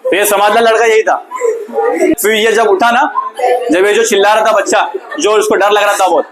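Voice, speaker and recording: High-voiced man teaching with a story. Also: normal speed, a crowd in the background, rough recording. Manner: animated storytelling, repeats questions to students. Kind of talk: classroom lesson with a story.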